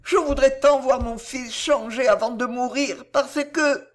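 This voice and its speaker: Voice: medium pitch, takes it slowly, pitched above the performer's own voice, natural voice. A reader voicing a poor grieving mother who begs tearfully in a storybook reading. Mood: pleading, tearful. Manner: tearful, begging. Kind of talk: audiobook character voice.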